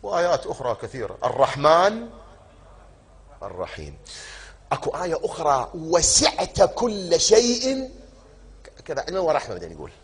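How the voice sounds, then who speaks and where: A man preaching a sermon in an Iraqi Arabic accent, putting questions to the congregation and answering them himself, stretching key words out slowly. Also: medium pitch, very animated, creaky, a bit bright, husky.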